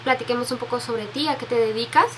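Here a young Peruvian beauty vlogger in her 20s softly answers viewer questions into a desk webcam, restarting often. Her pitch is fairly high and she talks fast, sentimental and full of fillers as she reads out questions for a casual Q&A tag video. Slight background noise comes through in her bedroom with makeup shelves.

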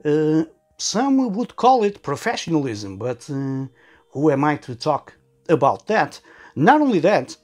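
A man giving casual sarcastic commentary as a tech YouTuber, halting often with fillers. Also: on the high side, sing-song, a little mellow.

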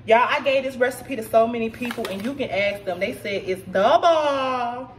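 A woman's voice: on the high side, normal speed. A woman in her thirties, a little tipsy, chatting to viewers as she walks through a home recipe in her kitchen. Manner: chatty, talks to viewers as "y'all". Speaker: vlogger cooking at home. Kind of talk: casual cooking walkthrough. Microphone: camera set back at counter. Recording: distant camera mic with room noise.

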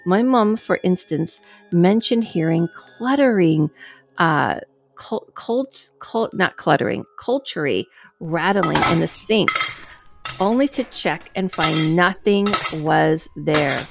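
A woman in her thirties, hosting, reads a guest's paranormal story aloud in a dim room, close to a headset and studio microphone. She reads slowly and carefully, dropping in casual asides. Her voice is on the low side, with lively intonation and vocal fry, and faint music plays behind her.

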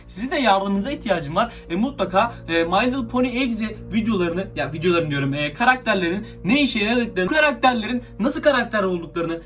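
A young man vlogging casually and excitedly, constantly talking to his viewers as he records himself. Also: high-pitched. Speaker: YouTuber. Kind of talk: casual horror prank vlog.

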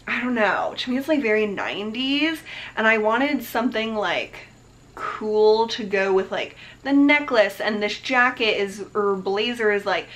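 A young woman talks casually to the camera as a beauty vlogger. She is bubbly and chatty, her sentences strung together with fillers and quick laughs. She records indoors at home. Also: mid-range voice, a bit bright. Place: bedroom indoors, later outdoors on a porch.

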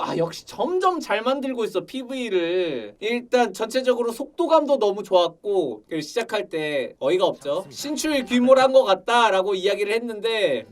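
A man streaming casual reaction commentary on a game trailer, excitable and gushing with exclamations. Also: high-pitched. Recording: slightly distant mic with music behind.

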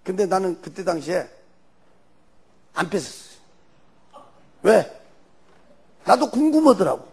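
A man's voice: sits high, big pitch swings, measured pace, vocal fry, pauses often, darkish tone, husky. An older man with a Jeolla Korean accent, a church elder telling his life story in a loose, folksy testimony. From Jeolla region, Korea.

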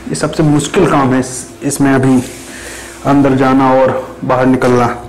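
A man's voice: mid-range voice, flat delivery, measured pace, a little hiss or hum, low-quality recording. A young man casually explaining a homemade machine step by step, with hesitant fillers and restarts, recorded on a camera a few metres away in a small bare room. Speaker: maker showing a build.

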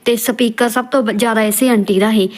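A woman's voice: on the high side, fairly even intonation, fairly quick, a little mellow. A woman roasting video clips in a scolding, mocking tone. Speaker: roast commentator.

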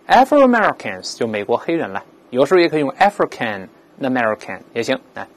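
Very animated and medium-pitched, this male teacher walks through English vocabulary, framing explanations as rhetorical questions and slowly repeating the words aloud for pronunciation practice.

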